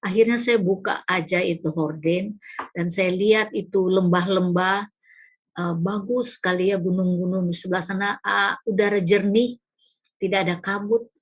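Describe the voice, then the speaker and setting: A woman's voice: mid-range voice, steady tone, moderate pace, husky. A woman pastor from Indonesia giving a devotional talk, telling a personal testimony in a conversational, storytelling manner. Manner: conversational, warm storytelling with tag questions.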